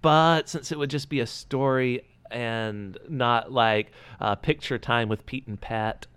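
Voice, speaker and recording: A man co-hosting a casual podcast, easygoing and rambling, thinking out loud as he talks. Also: medium pitch, measured pace, clean tone, dry recording. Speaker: podcast co-host. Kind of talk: casual chat.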